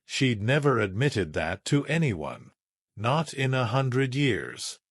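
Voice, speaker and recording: A man reading a first-person sci-fi story aloud in a measured, dramatic way. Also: mid-range voice, very animated, husky, no echo, studio quality. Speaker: narrator.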